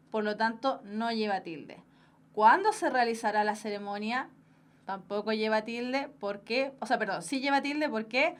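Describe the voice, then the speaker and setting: A young woman with a Chilean Spanish accent teaching an online exam-prep grammar class, explaining step by step and checking in with her students. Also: fairly high pitch. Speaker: language teacher.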